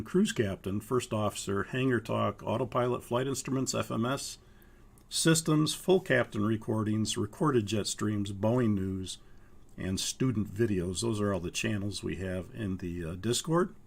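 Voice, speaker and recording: During a live online walkthrough of a pilot course, an older flight instructor from Minnesota speaks in a low, gravelly, husky voice made hoarse by a cold. He halts often, padding his pauses with "uh."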